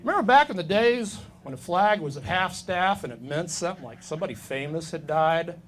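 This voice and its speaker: A man in his fifties works through a stand-up set on a club stage, firing off dry, self-deprecating one-liners. His voice sits a little high for a man. Faint room noise hangs behind him. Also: animated, brisk. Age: 50s. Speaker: stand-up comedian.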